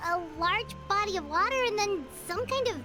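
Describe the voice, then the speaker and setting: A woman's voice: expressive, fairly quick. A woman voicing a tiny, curious fairy companion in a video game who refers to herself by name in the third person. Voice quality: high squeaky childlike voice. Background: loud game music.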